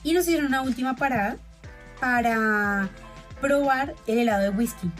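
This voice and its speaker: A woman's voice: on the high side, normal speed, soft background music. A young woman hosting a podcast, telling a travel story in a chatty, friendly way and talking straight to her listeners. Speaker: podcast host.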